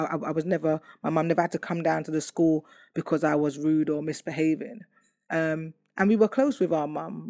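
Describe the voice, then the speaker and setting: In clean studio audio with a dry sound, an adult woman delivers a personal testimony. Her loud voice sits low, and she talks candidly and reflectively, full of fillers and restarts.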